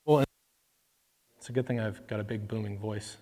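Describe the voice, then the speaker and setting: A man with a fairly low, dark voice speaks at a moderate pace and a steady tone, delivering a casual sermon in a big room. He talks conversationally, with lots of fillers, and acts out the characters as he reads scripture. His microphone keeps cutting out.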